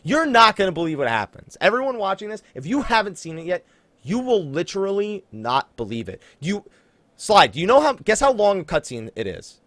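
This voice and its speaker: A man with a high, fairly bright voice hosts a casual gaming podcast, very animated and brisk, with no room sound. Emphatic and hyping, he speaks right to his listeners.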